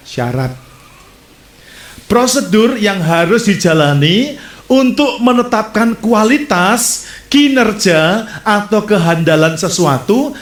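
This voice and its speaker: A man preaching a sermon as a pastor, telling stories with lively gestures and speaking straight to his congregation. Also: on the high side. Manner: animated storytelling preacher, addresses audience directly. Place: church. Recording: echoey church hall.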